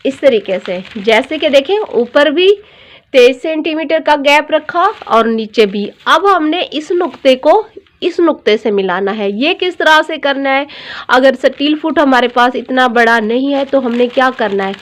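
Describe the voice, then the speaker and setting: A woman's voice: high voice, lively intonation, measured pace. A woman teaching a dressmaking tutorial, explaining each step patiently and repeating every measurement.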